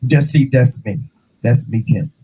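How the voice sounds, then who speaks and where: A man in his fifties hosting a casual interview, animated and playful, calling his guest "child" and "honey". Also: mid-range voice, a little slow, a little hiss or hum, poor audio. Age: 50s. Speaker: host.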